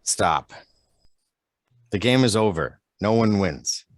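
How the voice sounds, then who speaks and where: Casting: man reading an exhausted young man, low voice, slow and dry. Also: animated, dry recording. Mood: weary. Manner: slow, tired and strained. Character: weary young man leaving home. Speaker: actor in a play reading. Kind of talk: online play reading. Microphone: video call.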